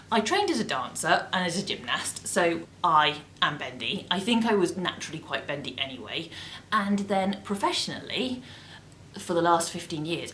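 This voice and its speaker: Posh English woman, chatty and animated. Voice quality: posh, high-voiced. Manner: chatty, self-mocking, animated. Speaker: vlogger, freelance model. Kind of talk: casual talking-to-camera vlog. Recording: echoey room with faint noise.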